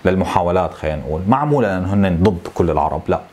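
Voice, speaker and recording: A man in his thirties with a Syrian Arabic accent, venting to camera in a frustrated, complaining way, with halting repetitions. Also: low voice, expressive, a little mellow. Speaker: tech YouTuber. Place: small home office, indoors.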